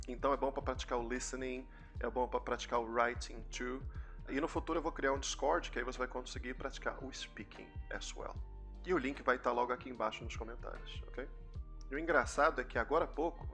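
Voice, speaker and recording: A young Brazilian English teacher with a Brazilian Portuguese accent and a medium-pitched, pushed, bright voice gives a chatty, casual YouTube English lesson, explaining pronunciation through repeated examples.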